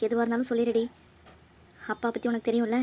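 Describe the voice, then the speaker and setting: Woman as watchful cartoon mom, firm and probing, fairly high voice. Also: completely flat delivery, quick pace, dark tone, a little hiss or hum, natural voice. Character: probing middle-aged mother, stern and watchful. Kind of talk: cartoon voice acting.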